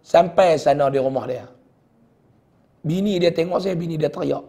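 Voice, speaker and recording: A middle-aged man with a Kedah Malay accent, a religious teacher telling a heartfelt personal story in a sermon, often sinking to a hushed voice. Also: fairly high pitch, moderate pace. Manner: heartfelt storytelling, dropping to a hushed voice at sad moments.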